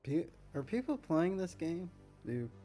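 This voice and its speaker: A man's voice: fairly high pitch, sing-song, a little slow, mellow, soft background music. A man streaming his casual reaction to a game showcase, with wry, offhand asides.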